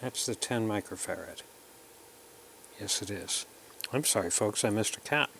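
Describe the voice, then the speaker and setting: A man with a fairly low voice walks through an electronics kit build tutorial, explaining each step plainly and casually while working with his hands. The recording is low quality, with slight background noise.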